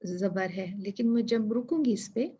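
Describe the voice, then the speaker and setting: A woman's voice: mid-range voice, normal speed, mellow, husky, muffled recording. A woman teaching Quran recitation rules, patiently repeating each letter and word to demonstrate. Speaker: tajweed teacher.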